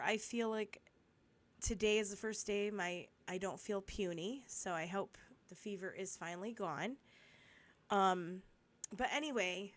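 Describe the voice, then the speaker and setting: A woman with a cold and a cough, talking through a Bible study in a chatty, rambling way, with asides and restarts, and reading the verses slowly and steadily. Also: medium pitch, a bit bright. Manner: reads scripture slowly and steadily. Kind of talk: casual Bible study talk.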